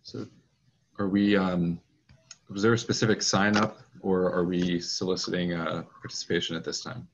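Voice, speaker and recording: Low flat man's voice, husky, chairing a school board meeting, muffled video call audio. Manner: procedural, measured, with frequent fillers.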